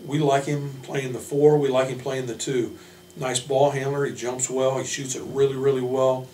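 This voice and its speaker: A man in the role of a basketball coach introduces players informally, speaking in a measured, hesitant way with frequent pauses. His voice is mid-range and a little mellow. The recording sounds roomy, with a distant mic and a faint hum.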